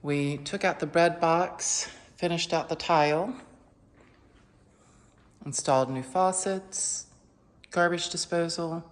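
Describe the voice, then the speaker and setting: A woman narrating an informal house walkthrough in a matter-of-fact way, listing items in short phrases with pauses. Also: lowish voice, fairly even intonation. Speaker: property renovation presenter. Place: inside a house, walking through rooms.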